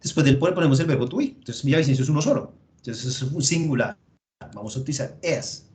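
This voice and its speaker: A man's voice: mid-range voice, fast, a little mellow. A man with a Colombian Spanish accent, teaching an English grammar class online and explaining each step patiently while thinking aloud.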